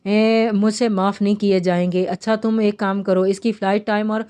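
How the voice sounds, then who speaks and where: A woman reads a romance novel aloud, carrying both the narration and the characters' dialogue in her own everyday voice. Her tone is mellow and dark rather than bright, and she sits at a middle pitch. She stumbles now and then and restarts her words. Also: flat delivery, normal speed, smooth. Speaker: novel reader.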